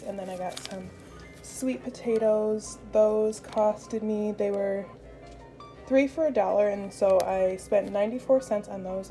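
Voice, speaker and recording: A young American woman with a mid-range, dark-toned voice narrates a vlog from her home kitchen, chatting casually and informally with viewers while music plays behind her.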